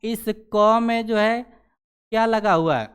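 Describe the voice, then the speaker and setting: Guy teaching a grammar class, very clean clear voice, keeps checking in with the class and answers his own questions. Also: sits high, slow pace, a bit bright. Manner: repeats "ठीक है" after nearly every sentence; asks questions and answers them himself.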